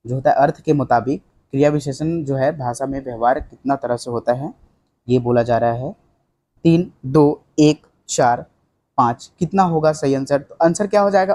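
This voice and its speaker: Mellow-voiced male tutor quizzing students. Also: a little high. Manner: conversational, fills with "ठीक है", quizzes students rhetorically, mixes in English. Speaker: exam coaching teacher. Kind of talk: online exam-prep lesson, solving quiz questions.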